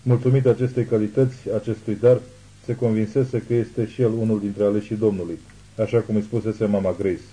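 A man narrating an audiobook thriller in a measured, ominous reading. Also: on the low side, little pitch movement, dark tone, slightly rough, rough recording. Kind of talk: scripted narration.

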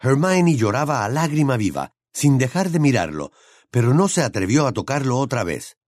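A man narrates a novel in an expressive, dramatic reading. His pitch rises and falls lively through each sentence. The studio sound is dry with no room echo. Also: normal speed. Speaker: audiobook narrator. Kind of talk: audiobook narration.

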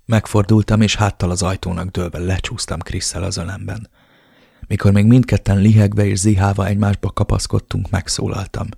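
A man with a very deep, gravelly voice narrates a first-person romance novel. His delivery stays even and brooding, with a husky texture and a close, dry sound. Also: no room sound. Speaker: audiobook narrator.

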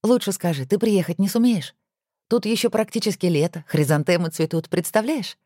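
A woman voicing a lively, witty wife who is an editor, with playful exclamations. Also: lowish voice, a little fast, no echo, clean studio sound, natural voice.

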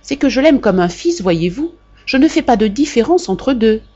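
A woman reading aloud and voicing a domineering middle-aged mother who scolds in a shrill, indignant way, on a dull lo-fi recording. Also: lively intonation, moderate pace, warm tone. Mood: doting.

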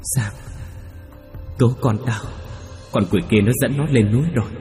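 A man's voice: medium pitch, moderate pace, warm tone, long reverb tail, soft background music, pitched above the performer's own voice, close to an everyday voice. A man voicing the ghost of a dead father who pleads urgently for help. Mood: pleading ghostly.

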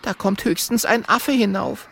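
A man's voice: high voice, fairly even intonation, measured pace, gravelly, a bit bright, slight background noise, voice pushed up, heavily acted. A man voicing an indignant, prim little female porcupine.

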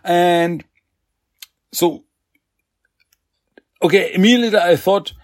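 A podcast host with a slight French accent and a high-pitched voice runs a casual comic recap show, speaking slowly with no room sound. He's chatty, rambling with lots of fillers and restarts, and he acts out quotes.

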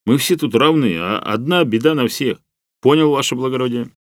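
A man's voice: mid-range voice, moderate pace, dry recording, studio quality, voice pushed up, close to an everyday voice. A man voicing a blunt, exasperated young fellow who talks in a colloquial, emphatic way.

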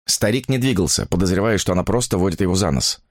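A man reading a story aloud as narrator in an expressive, dramatic way. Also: low voice, fast, no echo, studio quality. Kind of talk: audiobook reading.

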